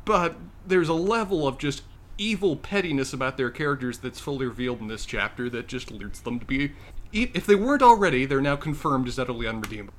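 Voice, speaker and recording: Podcast guy, chatty and opinionated, normal pitch, getting into it. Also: lively intonation, quick pace. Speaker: podcast co-host. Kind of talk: casual podcast chat.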